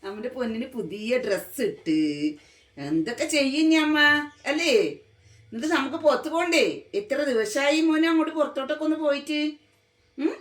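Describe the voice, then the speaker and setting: A woman's voice: sits high, expressive, normal speed, pauses often. Doting woman in sing-song baby talk. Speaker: pet vlogger. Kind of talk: casual baby talk to a pet.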